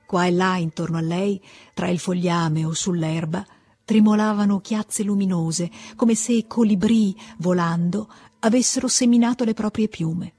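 A woman reading a classic novel aloud as an audiobook, in a calm, measured voice. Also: lowish voice, breathy edge, no room sound. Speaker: audiobook reader. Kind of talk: literary audiobook narration.

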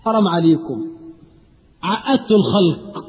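A man with an Egyptian Arabic accent delivering a sermon, animated, acting out everyday scenes in dialogue. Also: high voice, normal speed. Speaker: preacher. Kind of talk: recorded sermon. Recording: phone-like, echoey hall recording.

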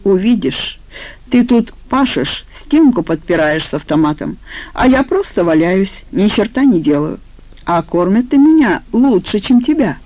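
A woman's voice: fairly low pitch, animated, moderate pace, vocal fry, mellow, no echo, muffled recording. A woman voicing a hardened middle-aged man who talks in blunt, sardonic banter. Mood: mocking.

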